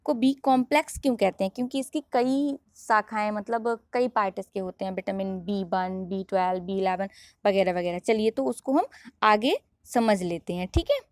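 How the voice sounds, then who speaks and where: A woman's voice: mid-range voice, normal speed, darkish tone, no room sound. A woman teaching a biology lesson online, who asks questions and answers them herself.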